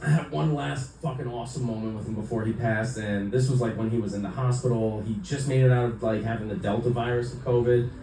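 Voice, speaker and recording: On stage at an indoor comedy club, a young man does a rambling stand-up set, cursing freely and relying on fillers. He talks fast with few pauses, in a mellow, medium-pitched voice with fairly even intonation. Picked up from a distance in the echoey club, the audio carries a little hiss or hum.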